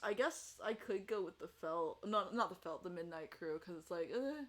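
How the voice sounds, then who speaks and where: A woman with a fairly low, animated voice speaks at normal speed while hosting a casual online fan panel game. On the livestream she rambles, laughs, and corrects herself as she chats.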